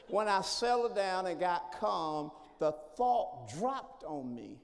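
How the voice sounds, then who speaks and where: A man preaching in a with a gravelly, fry-laden tone. His voice sits unusually high, and he swings from quiet, drawn-out lines to hollering calls for a response. The sound carries a long reverb from a big hall. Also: very animated, a little hiss or hum. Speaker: pastor. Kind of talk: sermon. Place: church sanctuary.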